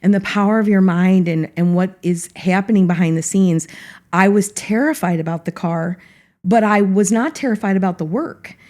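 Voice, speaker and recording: Lively woman telling a story. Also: medium pitch, normal speed. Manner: animated storyteller. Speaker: guest, local businesswoman and former teacher. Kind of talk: storytelling in a podcast conversation.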